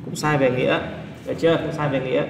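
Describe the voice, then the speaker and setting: A man's voice: on the high side, fairly even intonation, gravelly. A male English teacher working through exam answers step by step, often stopping to check that his students follow. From Vietnam. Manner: explains step by step, asks students quick check questions. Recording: echoey room, faint background noise.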